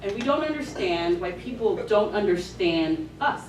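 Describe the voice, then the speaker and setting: A woman's voice: medium pitch, lively intonation, moderate pace. Woman lecturing doctors, punchy, keeps saying right?, echoey hall, far from the mic, noisy. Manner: emphatic, keeps asking "right?". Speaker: emergency medicine lecturer. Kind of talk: grand rounds lecture.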